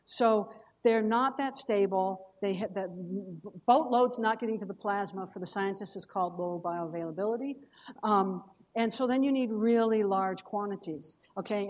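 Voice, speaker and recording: A woman's voice: medium pitch, darkish tone. A woman giving a scientific lecture as a cancer researcher, explaining in a conversational way and checking in with her audience. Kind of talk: academic lecture.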